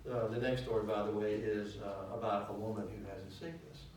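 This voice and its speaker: A man's voice: fairly low pitch, fairly quick, slight background noise. Man teaching a Bible study in an echoey hall. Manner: animated, asks questions of the class. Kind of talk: teaching sermon. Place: church hall. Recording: echoey hall, mic at a distance.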